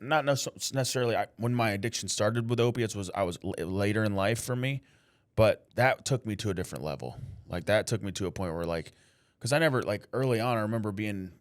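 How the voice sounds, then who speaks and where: A podcast host talks earnestly in a casual interview conversation, faith-driven and sharing his own experience as he asks questions, often filling his speech with "like" and "man." His voice is lowish, with clean studio sound and no room noise.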